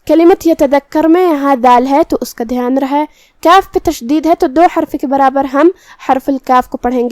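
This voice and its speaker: A woman's voice: high-pitched, a little mellow, no echo. A woman teaching a Quran recitation lesson, patiently explaining each pronunciation rule step by step.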